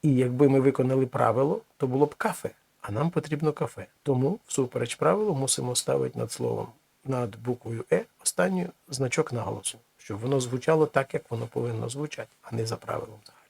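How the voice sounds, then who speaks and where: A man teaching a language lesson, explaining slowly with many pauses and restarts. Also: mid-range voice, creaky, darkish tone, slightly rough, dry recording.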